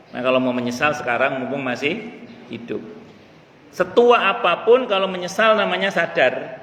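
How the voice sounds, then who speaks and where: A man teaches in a mosque, his somewhat high voice ringing through a roomy hall with a long tail. He chants Arabic lines slowly before explaining them. Faint room ambience hums underneath. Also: a bit bright, a little hiss or hum. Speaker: religious teacher. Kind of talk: mosque study lecture.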